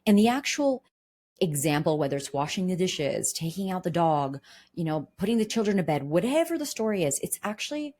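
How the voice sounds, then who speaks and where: A woman with a low, deep-set voice coaches her listeners on communication. She talks earnestly and works through everyday examples. She often asks the audience questions as she goes. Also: very animated, brisk, darkish tone. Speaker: podcast host and communication coach. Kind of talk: solo podcast monologue.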